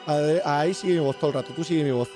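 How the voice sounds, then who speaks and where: A man's voice: a little high, rapid-fire, over music. A man with a Spain Spanish accent, patiently guiding a teammate through a video game with repeated step-by-step directions. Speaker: gaming streamer guiding a teammate. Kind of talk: casual gameplay coaching.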